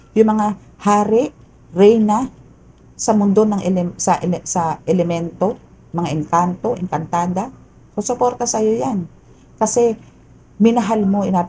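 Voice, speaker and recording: A woman's voice: medium pitch, moderate pace, pauses often, mellow, slight background noise, rough recording. A woman giving a casual tarot reading, chatty and often checking in with the listener. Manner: chatty, peppers talk with "no?" and "okay?". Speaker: tarot reader.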